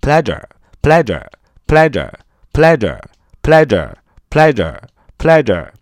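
A man's voice: medium pitch, huge pitch swings, dry recording. A male teacher drills English vocabulary, saying each word several times and spelling it letter by letter. His voice rises and falls a lot as he teaches. The recording is dry, with no room sound. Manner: repeats words over and over, spells letters out slowly. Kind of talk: lesson, reading and spelling words slowly.

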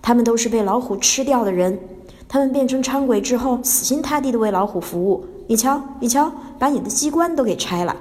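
A woman's voice: a little high, expressive, brisk, darkish tone, long reverb tail, lightly acted. Woman playing young male scholar, storybook, righteous, scolding, raised voice. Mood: urgent. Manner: urgent, scolding.

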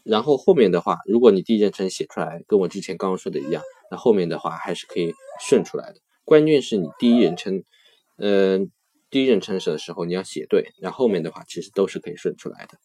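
一位男老师用中文讲解意大利语语法，耐心细致，关键的变位形式会放慢反复念。. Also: male voice, low-pitched, lively intonation, warm tone. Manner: patient, repeats key forms slowly. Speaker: Italian language teacher. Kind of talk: grammar lesson explanation.

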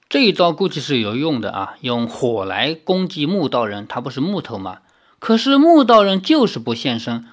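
Expressive audiobook narrator. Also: mid-range voice. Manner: expressive, with casual asides. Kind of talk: dramatic novel reading.

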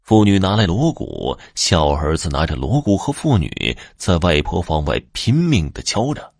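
Male folk-tale narrator, deep and husky, dramatic, dry close mic. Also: sing-song, no echo. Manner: measured, dramatic storytelling. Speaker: storyteller.

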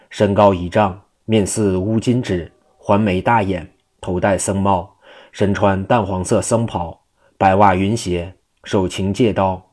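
A man narrating a classic Chinese novel in measured, rhythmic phrases. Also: low-pitched, a little mellow.

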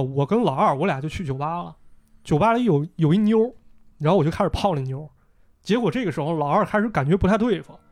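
A man with a fairly high voice tells a story in a relaxed podcast chat. He slips into the characters' lines as he narrates. Faint music plays underneath. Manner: lively retelling, voicing characters in quotes. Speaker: podcast host. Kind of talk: casual storytelling.

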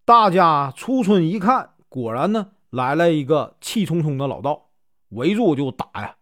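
A man from Northeast China telling a folk tale as a casual storyteller, lively and animated. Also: on the high side, unhurried, no echo, studio quality.

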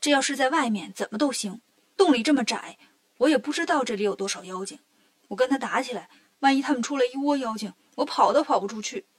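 A woman voicing a cheeky, clever male monkey king in a storybook reading, talking in a brisk, joking way. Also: high-pitched, lively intonation.

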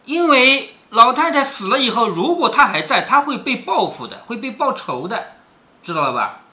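A man talking through a classic novel for his daughter, pausing to explain old words and tossing in rhetorical questions as he goes. His voice is bright and clear, and his pitch rises and falls a great deal. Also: very animated. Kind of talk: explanatory storytelling.

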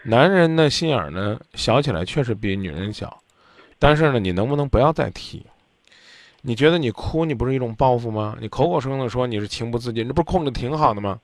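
A man's voice: mid-range voice, animated, quick pace, dry recording. A man hosting a radio call-in advice show, blunt and lecturing as he scolds the caller. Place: radio studio.

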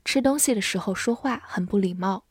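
A woman teaching an English vocabulary lesson, spelling words letter by letter and reading example sentences slowly. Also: medium pitch, husky, no echo, studio quality. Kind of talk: vocabulary lesson with slow read-alongs.

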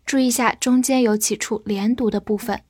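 A woman teaching English vocabulary, speaking clearly and deliberately, spelling words letter by letter and reading model sentences slowly. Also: a little high, steady tone, darkish tone, no echo, clean studio sound.

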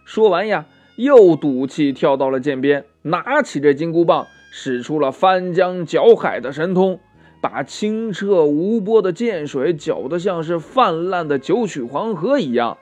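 A man narrating a children's story in a lively, expressive way, stretching out his phrases. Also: on the high side, unhurried, faint music behind.

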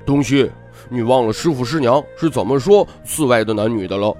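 A man's voice: mid-range voice, fairly quick, faint music behind, lightly acted. A man voicing a timid little boy monk who answers meekly and hesitantly in a storybook reading. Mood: earnest. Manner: meek, hesitant, soft-spoken.

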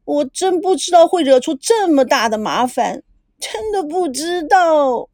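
A spoiled young granddaughter begs forgiveness through tears in this audiobook story, as a woman reads her. Her voice rises high and breaks into pleading. The sound is close and dry. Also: very animated, unhurried, darkish tone, dry recording, exaggerated voice. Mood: tearful. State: crying.

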